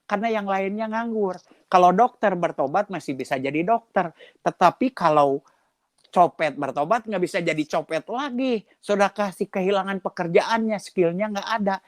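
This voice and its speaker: A man's voice: normal speed, dry recording. A middle-aged man, a pastor giving a testimony sermon and acting out dialogue as he tells his story. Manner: lively storytelling, acts out dialogue with shifting pitch.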